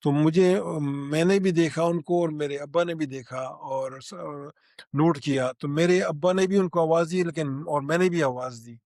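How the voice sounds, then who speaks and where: An older man tells what he saw in a halting spoken recollection, full of restarts and pauses. His voice sits fairly high for a man. The recording is close and dry, with no room sound. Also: a little mellow, no echo. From Pakistan. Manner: halting, with many restarts and fillers. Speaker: eyewitness.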